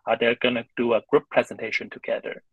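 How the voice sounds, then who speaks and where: Man hosting over a call, halting and full of fillers, gravelly and muffled. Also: medium pitch, level tone, dry recording. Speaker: host. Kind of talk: introducing presenters on a video call. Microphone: video call.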